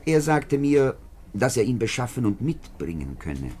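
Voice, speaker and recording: Playing a pompous middle-aged French deputy in a 1950s German radio drama, this male actor speaks deliberately and emphatically, sounding guarded. His mid-range voice is sing-song with a darkish tone, over slight background noise.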